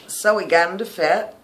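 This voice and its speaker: A man's voice: sits high, fairly bright tone, slight background noise. A man chatting casually in a video diary, his speech a little slurred and lispy from new dentures. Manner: chatty and rambling, many ums. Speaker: vlogger.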